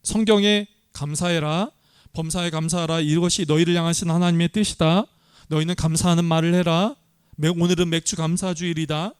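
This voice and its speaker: A man's voice: on the high side, steady tone, a little fast, clear, resonant tone, no echo, studio quality. A man pastor preaching a sermon earnestly, often asking the congregation questions.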